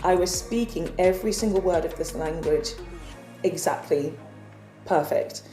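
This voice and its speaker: A woman's voice: on the low side, measured pace, mellow, echoey room, faint music behind. A woman from England earnestly telling a personal spiritual story in a casual vlog. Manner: earnest, confessional. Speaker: spiritual vlogger.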